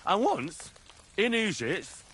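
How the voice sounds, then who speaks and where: A cocky young man from a video game, bragging and swearing as he goes. His voice sits fairly high and moves around a lot. He speaks at an unhurried pace. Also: huge pitch swings, a bit bright, husky, heavily acted.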